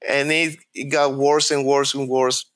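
A man's voice: medium pitch, flat delivery, fairly bright tone, dry recording. Reflective man with a Venezuelan accent. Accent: Venezuelan Spanish. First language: Spanish. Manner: reflective, halting, repeats words while searching for them. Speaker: interviewee. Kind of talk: personal storytelling.

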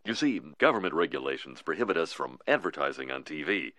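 An actor voicing a slick adult male tobacco company president in a cartoon, speaking in a smooth salesman's pitch. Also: big pitch swings, fast talker, a bit bright, dry recording, exaggerated voice. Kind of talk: cartoon voice acting.

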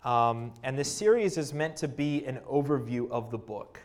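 A man with a Canadian accent and a mid-range voice preaches a sermon, reading scripture and praying earnestly. He pauses often and uses plenty of fillers.

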